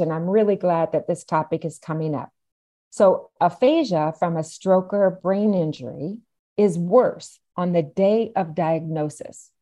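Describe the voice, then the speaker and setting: With a mellow, fairly low-pitched voice, this aphasia advocate, a middle-aged or older woman, explains things as a podcast guest. She emphatically stresses the key points.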